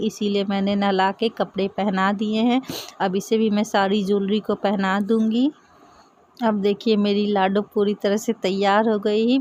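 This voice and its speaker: A woman calmly showing a home worship routine step by step, speaking gently and affectionately. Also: mid-range voice, muffled recording. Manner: gentle, affectionate, speaks softly to the idols as to babies. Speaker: devotional home vlogger. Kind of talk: calm step-by-step ritual demonstration. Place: home puja area, indoors.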